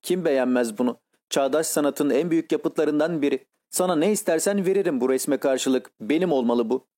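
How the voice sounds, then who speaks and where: A cynical aristocrat from a classic novel, voiced by a male reader. He speaks in a lowered, warm, unhurried tone with easy self-assurance. It sounds like an audiobook. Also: natural voice. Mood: assured. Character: worldly, cynical English lord, adult man.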